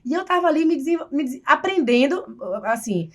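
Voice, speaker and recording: A woman with a Bahian Brazilian accent, chatting on a podcast as co-host and telling lively stories. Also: high-pitched, a little fast. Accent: Bahian Brazilian Portuguese. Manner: animated storyteller who acts out quoted voices. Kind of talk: casual podcast chat.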